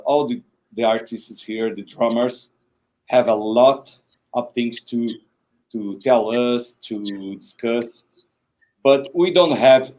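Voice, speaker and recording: Slow, halting male stream host. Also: mid-range voice, a little mellow, poor audio. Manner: halting, searching for words, many uhs. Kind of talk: live stream interview. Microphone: video call.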